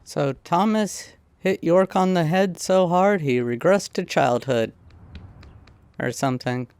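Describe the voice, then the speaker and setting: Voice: mid-range voice, slow, a little mellow, clean tone. A let's play host giving casual gaming commentary with dry, understated reactions.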